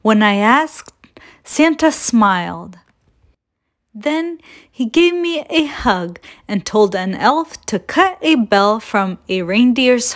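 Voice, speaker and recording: Female storyteller, slow gentle picture-book read-aloud, mid-pitched voice. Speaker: children's storyteller.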